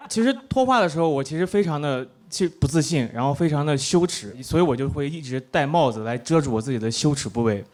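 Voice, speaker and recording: A man's voice: a little high, animated, fast talker, few pauses, darkish tone, slight background noise. A young man performing a stand-up set on stage, joking at his own expense. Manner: self-mocking, jokey. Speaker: stand-up comedian. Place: comedy stage with live audience.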